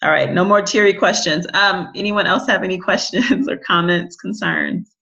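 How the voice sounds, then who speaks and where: A woman's voice: on the low side, creaky, sharp tone, lo-fi sound. A woman in her thirties hosting an online business orientation meeting, talking in an upbeat, promotional way. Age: 30s. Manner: upbeat, promotional, spells out contact details slowly. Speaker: business boot camp host.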